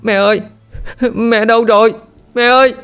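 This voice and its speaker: A man's voice: high voice, fairly quick, soft background music, pitched above the performer's own voice. A man voicing a terrified little girl who screams shrilly for help for her mother. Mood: panicked.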